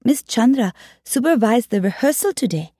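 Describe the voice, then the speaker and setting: Woman audiobook narrator, measured reading, higher voice with a husky edge. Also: animated, warm tone, no echo, clean studio sound.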